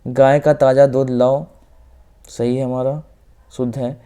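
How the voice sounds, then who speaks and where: A man with a North Indian Hindi accent teaching an exam-prep grammar lesson, going through questions step by step, repeating the correct answers and often dropping quietly at the end of a phrase. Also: medium pitch, flat delivery, a little slow, clean tone. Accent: Hindi-speaking North Indian.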